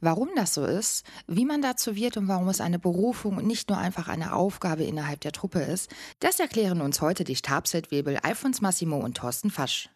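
A woman's voice: fairly low pitch, animated, brisk, hardly any pauses, darkish tone, breathy edge, dry recording, clean studio sound. A woman hosting an interview podcast, asking questions and introducing guests. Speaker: podcast host.

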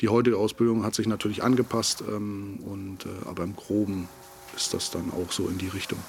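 A man speaking as a military instructor in a casual podcast interview, with halting, thoughtful phrasing. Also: fairly low pitch, level tone, a little hiss or hum.

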